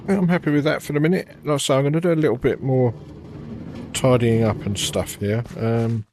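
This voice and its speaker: A man narrating his own gameplay in a relaxed, casual way, thinking aloud with frequent fillers. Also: mid-range voice, fairly quick, a little hiss or hum. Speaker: gaming channel host.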